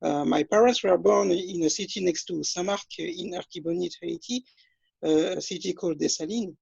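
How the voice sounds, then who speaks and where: Man, twenties, from France, hesitant speech, fillers, husky, lo-fi dull audio. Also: high voice, moderate pace, a little mellow, no room sound. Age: 20s. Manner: hesitant, many fillers and restarts. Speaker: interview guest. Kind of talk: self-introduction in an interview. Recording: dull, lo-fi dry sound.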